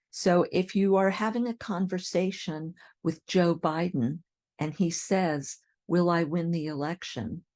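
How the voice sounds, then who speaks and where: American woman teaching english really slow, kinda low voice, repeats little practice lines. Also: darkish tone. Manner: models example sentences, repeating drills. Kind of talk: slow, clear pronunciation lesson.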